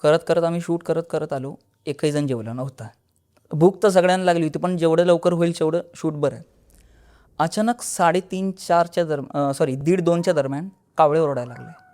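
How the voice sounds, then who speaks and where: A man with a mellow, fairly high-pitched voice, appearing as a podcast guest, recounts a horror story that happened to him. He talks conversationally, restarting at times and acting out dialogue vividly.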